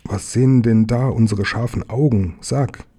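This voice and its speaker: A man voicing a cheerful little male bear in a children's storybook reading, talking in excited exclamations. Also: medium pitch, normal speed, slightly rough, lightly acted.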